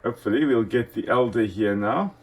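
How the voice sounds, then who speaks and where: The recording is rough, but the man's medium-pitched, fairly quick voice comes through as he hosts a let's play. He's from South Africa, speaks with a South African accent, has Afrikaans as his first language, and chats enthusiastically and casually, addressing the animals on screen.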